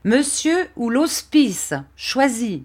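A rough peasant man snaps and threatens, impatient and quick to anger. A woman acts him out while reading a storybook. His voice is raised and harsh. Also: mid-range voice, pitched above the performer's own voice, close to an everyday voice. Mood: angry. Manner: harsh, shouting.

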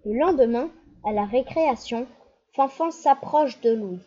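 A woman reads a children's story aloud in a gentle, expressive way. Her voice sits fairly high and sounds mellow and a little husky. The recording is slightly dull and lo-fi. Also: unhurried. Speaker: narrator.

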